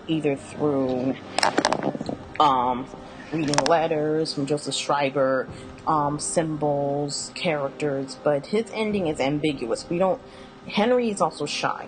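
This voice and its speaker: A woman's voice: sits low, noisy background. A woman casually walking through a video game's characters, rambling with fillers and correcting herself as she goes. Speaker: video game commentator. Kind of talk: casual spoken character rundown.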